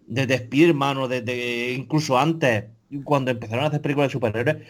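A man's voice: medium pitch, fairly even intonation, fairly quick. A man, a podcast co-host ranting in casual chat, profane and exasperated, full of restarts.

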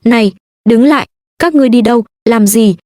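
A woman's voice: a little high, a little fast, darkish tone, no room sound, studio quality, lightly acted. A woman voicing a rude, bossy male soldier captain who barks orders, in a read-aloud story. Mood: gruff. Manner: barking, scornful.

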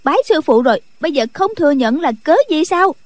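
A woman's voice: sits high, expressive, quick pace, no room sound. Khúc Phi Yên, a cheeky young girl. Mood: teasing. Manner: playful and bossy. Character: mischievous teasing young girl.

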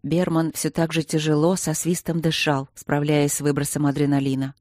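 A man reading an audiobook in a steady, even scripted narration. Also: on the high side, moderate pace, dry recording, studio quality.

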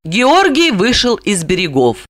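Woman narrator, lively melodic reading, dry close recording, audiobook narration. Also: mid-range voice, a little slow, dry recording. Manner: expressive storytelling. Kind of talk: scripted narration.

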